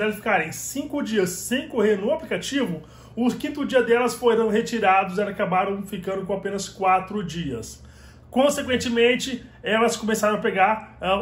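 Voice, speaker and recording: A man's voice: sits high, echoey room. A man, talking casually and animatedly to a phone camera at arm's length in a small room at home. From Brazil. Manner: animated, gesturing, slangy, repeats "mano". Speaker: delivery rider vlogger. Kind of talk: casual vlog talk to camera. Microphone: phone held at arm's length.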